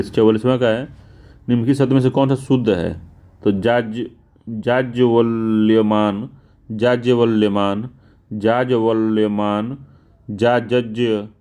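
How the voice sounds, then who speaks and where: A male teacher going through exam answers, spelling words out slowly and repeating them, casual in tone. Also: mid-range voice, dark tone. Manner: informal, repeats "theek hai" often.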